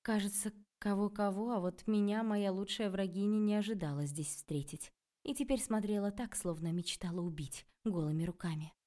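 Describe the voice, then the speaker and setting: A woman narrating a novel in the first person, expressive and ironic. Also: medium pitch, moderate pace. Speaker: audiobook narrator.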